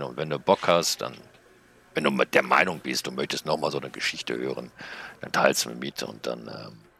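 Very deep, gravelly man, slow and easygoing. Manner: relaxed, hesitant with many fillers. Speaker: channel host reading stories. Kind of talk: casual chat and story reading.

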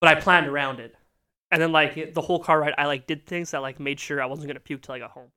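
A drunk young man with a notably high voice rambles through a casual podcast chat. His tone is bright and sharp, and he fills nearly every pause with "like.". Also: steady tone. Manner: rambling, heavy use of "like". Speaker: podcast co-host.

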